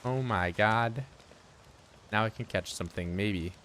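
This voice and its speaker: A man's voice: lowish voice, a little slow, noisy background. A man giving casual live-stream commentary while he plays, joking dryly and answering his chat aloud. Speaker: game streamer.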